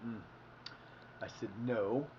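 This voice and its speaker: Taking it slowly, a medium-pitched man in his fifties from Ohio, USA hosts a livestream, rambling through folksy, casual stories and correcting himself along the way. The highs in the recording are cut off, and there's slight background noise.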